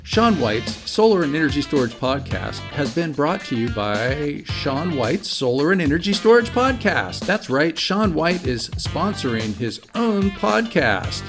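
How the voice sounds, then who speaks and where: Mock-serious male announcer for a jokey sponsor spot, over clear guitar music. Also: a little high, very animated, measured pace, hardly any pauses. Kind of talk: comic ad read.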